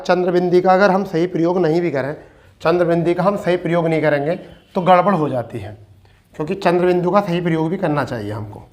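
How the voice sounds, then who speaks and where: A male teacher leads an online exam-prep lesson on spelling. His voice sits a little high, and he repeats every point. He poses questions to his students and answers them himself. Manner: repetitive, asks and answers own questions; addresses students as beta.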